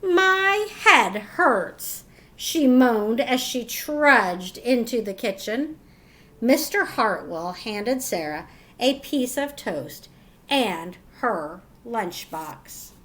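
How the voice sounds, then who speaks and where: A woman teacher reading a picture book to young children, expressive and instructive, pausing to ask questions. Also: a little high. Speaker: teacher reading aloud to pupils.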